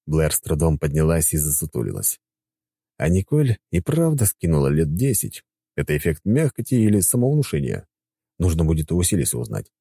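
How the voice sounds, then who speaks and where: A male audiobook narrator telling a fantasy story in the first person, with dry, ironic asides. His voice is deep and mellow. The recording is dry and close. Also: very animated, fairly quick, creaky, husky, no room sound.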